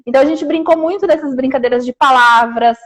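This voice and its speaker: A woman's voice: high voice, fast talker, a bit bright. A woman hosting a casual live conversation, chatty and full of fillers. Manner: chatty, many fillers and restarts. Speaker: host of a live chat.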